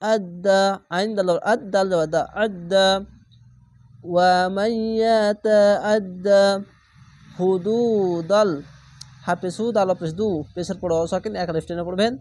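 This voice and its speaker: A man teaching Quran reading, spelling each word letter by letter and then stretching out the whole word slowly. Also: high voice, steady tone, darkish tone. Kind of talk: spelling-out recitation lesson.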